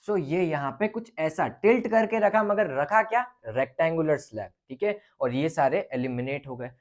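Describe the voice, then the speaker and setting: A man's voice: a little high, expressive, moderate pace. A man teaching a physics lesson on light, talking through a problem in a loose, conversational way and often checking in with his students. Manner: casual, repeats "ठीक है" and thinks aloud. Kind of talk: explaining a lecture on light.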